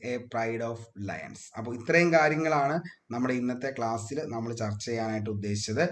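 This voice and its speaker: Man drilling exam facts by repetition. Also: medium pitch. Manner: drills facts by repeating them, asks then answers himself. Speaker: exam coaching teacher. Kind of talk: exam revision lesson.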